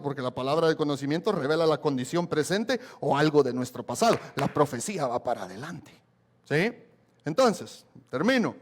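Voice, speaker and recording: A male pastor delivers an emphatic sermon, repeating key phrases and turning to the congregation with questions. His voice sits a little high and has a gravelly edge. His pitch swings widely as he preaches. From Guatemala.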